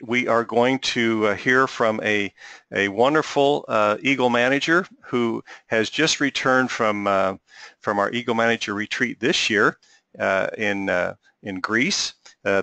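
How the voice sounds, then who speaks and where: A middle-aged man hosting an interview, courteous and halting, with many filler sounds. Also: on the low side, creaky, sharp tone, no room sound. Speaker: host.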